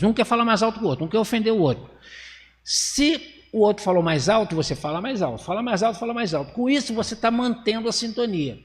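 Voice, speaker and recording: A Brazilian man with a somewhat high voice delivers a spiritist lecture in a lecture hall with a long echo. He speaks conversationally, asks the audience rhetorical questions, and acts out small scenes, dropping his voice for effect. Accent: Brazilian Portuguese. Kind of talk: religious lecture.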